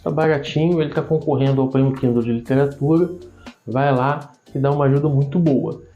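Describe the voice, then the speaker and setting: Brazilian male online tutor, mellow and creaky, slight tongue-tie, didactic informal delivery over music. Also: mid-range voice, fairly even intonation, a little fast. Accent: Brazilian Portuguese. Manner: didactic, enumerating points. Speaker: YouTube writing tutor. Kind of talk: informal explanatory video lesson. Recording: dull lo-fi sound, music behind. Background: background music.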